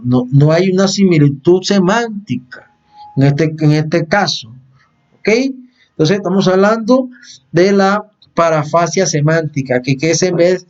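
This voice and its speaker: A male lecturer who explains slowly and patiently, repeating phrases and checking in with listeners. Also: on the high side, darkish tone. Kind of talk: recorded lecture on language. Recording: dull, lo-fi recording.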